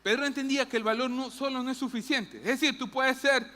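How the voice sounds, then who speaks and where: A woman preaching a lively sermon in a church, acting out Bible characters. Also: high-pitched, brisk, long reverb tail. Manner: animated, acts out Bible characters' lines, jokes with the audience. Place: church hall.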